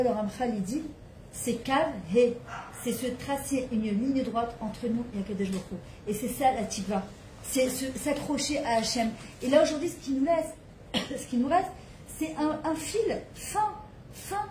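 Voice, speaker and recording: A woman's voice: a little high, darkish tone, roomy sound, slight background noise, poor audio. A woman giving an impassioned spiritual talk to a gathering of women in a home, asking rhetorical questions as she goes. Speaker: religious women's teacher. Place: private home.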